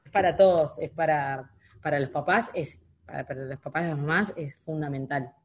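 A woman's voice: low voice, brisk, darkish tone. A woman with a Rioplatense accent hosting a casual chat, asking questions and restarting her sentences. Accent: Rioplatense Spanish. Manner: asks questions, trails off in restarts.

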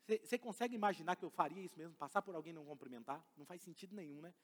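A man's voice: a little high, rapid-fire. A middle-aged man with a Brazilian Portuguese accent, preaching a sermon and speaking directly to the congregation with emphasis. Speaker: pastor. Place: church hall. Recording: long hall reverb.

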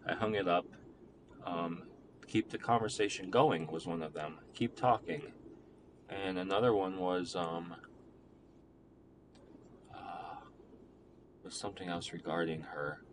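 A young man with a deep, low voice talks through a relationship in a halting, rambling way, full of fillers and restarts. He sounds reflective. Clear background noise runs under his voice. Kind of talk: personal monologue about a relationship.

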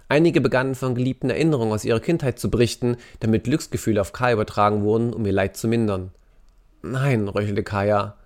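Man reading a dramatic story. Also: on the low side. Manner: intense, expressive storytelling. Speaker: narrator.

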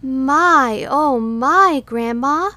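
A woman's voice: high-pitched, very slow, sharp tone, no room sound, pitched above the performer's own voice, exaggerated voice. A woman doing a wide-eyed little storybook girl. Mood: wondering.

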